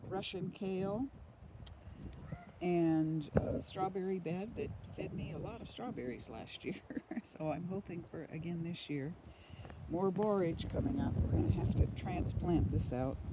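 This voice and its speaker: Middle-aged woman rambling through a garden tour. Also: low voice. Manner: rambling, unhurried, with frequent ums. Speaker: homesteader giving a garden tour. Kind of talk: casual walking tour narration. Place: outdoor garden in the rain. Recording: rain noise on outdoor phone audio. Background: rain.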